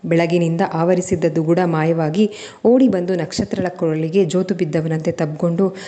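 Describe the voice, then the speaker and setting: A woman storyteller reading a scripted family drama serial in a steady, emotive way. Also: fairly low pitch, moderate pace.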